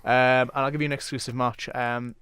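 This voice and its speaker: A man's voice: medium pitch, level tone, a little fast, fairly bright tone, smooth, no room sound, clean studio sound. A man with a North East English accent chatting casually as an interview guest, explaining things plainly step by step. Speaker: guest, wrestling promoter.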